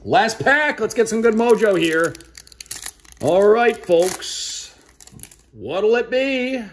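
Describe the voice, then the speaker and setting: Unboxing hockey cards, this play-by-play man calls out names like he's on the air, his delivery casual yet upbeat. He sits high in pitch with lively intonation and a slow pace, and there's slight background noise.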